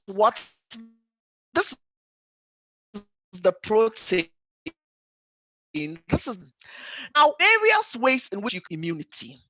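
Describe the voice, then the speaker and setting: A woman doctor from Ghana or the Caribbean presents a health webinar for lay listeners, teaching emphatically, repeating key points and posing rhetorical questions. Her mid-range voice has a fairly bright tone, but the audio quality is poor.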